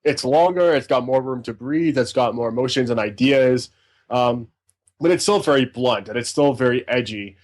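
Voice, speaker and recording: A man's voice: mid-range voice, normal speed. A man co-hosting a casual podcast, reviewing albums in a rambling, enthusiastic way. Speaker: podcast co-host, music reviewer.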